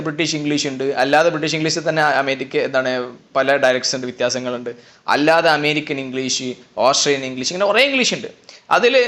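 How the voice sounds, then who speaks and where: A male tutor talks through a lesson at a rapid clip. His voice sits a little high and sounds bright and pushed forward. He keeps a chatty, explaining manner and mixes terms into his talk. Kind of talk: lecture explaining slides.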